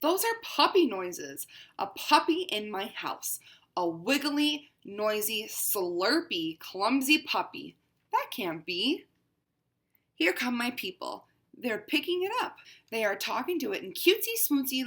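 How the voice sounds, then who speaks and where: A woman reads a picture book aloud in the voice of a fussy, haughty, pampered house cat, delivering lines with dramatic exclamations. She sits in the middle range, moves a little slowly, and her fairly bright tone swings widely in pitch as a female-ish narrator.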